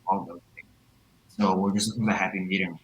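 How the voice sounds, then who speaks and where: A man's voice: low voice, quick pace, poor audio. Man on a glitchy call cutting out. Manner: relaxed, conversational, fillers and hedges. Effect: glitchy audio cutting out over a call. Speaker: panelist on a tech discussion. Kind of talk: casual panel discussion. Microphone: video call. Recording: video call line with faint noise.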